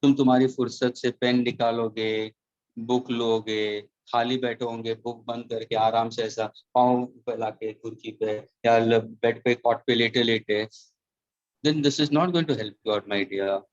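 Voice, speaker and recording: A man teaching physics in an online class, switching between Hindi and English and repeating phrases slowly for dictation. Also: medium pitch, steady tone, highs cut off.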